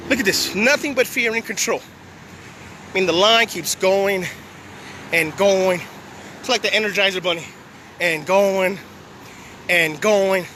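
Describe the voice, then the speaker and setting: Brief: high, bright-voiced Texan man, blunt combative vlogger, out of breath, faint outdoor traffic noise. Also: unhurried, pauses often. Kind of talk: walking vlog. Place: outdoors at a park beside a long line of cars.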